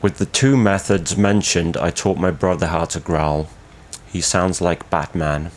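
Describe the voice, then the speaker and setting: Casting: male instructor, deep register, formal and measured scripted tutorial delivery. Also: fairly even intonation.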